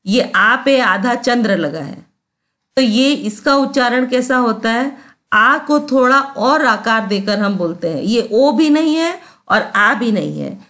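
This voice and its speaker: A woman's voice: on the high side, a bit bright. A woman teacher giving a grammar lesson, patient, repeating sounds and often checking that students understand.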